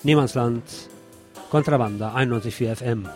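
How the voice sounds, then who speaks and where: Over background music, a man at medium pitch with a slightly mellow voice hosts a radio show, speaking fairly quickly. He reads a scripted literary essay in short, clipped phrases, with sardonic theatricality.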